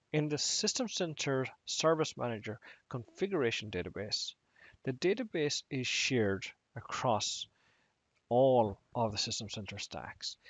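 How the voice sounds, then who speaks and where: Man, tech training lecture, measured and emphatic, mid-pitched voice, dry close recording. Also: no echo.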